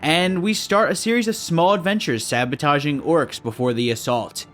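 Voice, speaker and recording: A man's voice: on the high side, steady tone, normal speed, fairly bright tone. A man narrating a game video in a scripted, dry and sarcastic way. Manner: dry, sarcastic, mock-suspicious. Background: faint background music.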